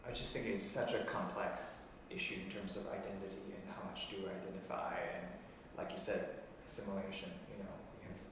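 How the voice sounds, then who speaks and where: A soft-spoken man from Taiwan talks thoughtfully as a guest in a casual interview. His low voice is picked up from a distance on a video call. A very echoey room and a clear layer of noise surround it. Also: flat delivery, a little fast, hardly any pauses.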